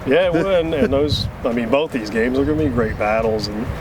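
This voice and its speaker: Man, sports analyst, casual chat, medium pitch, very noisy outdoor recording. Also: a little fast. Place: outdoors at a football stadium.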